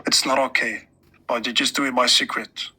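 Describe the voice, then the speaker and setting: A man from Sudan, calmly explaining his points in a casual group discussion. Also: mid-range voice, moderate pace, breathy edge. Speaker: podcast guest.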